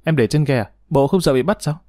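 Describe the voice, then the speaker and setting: A man's voice: on the high side, fast, darkish tone, no room sound, studio quality, natural voice. A man voicing a confident, jovial young hero who speaks with an assured, persuasive manner in an audiobook story.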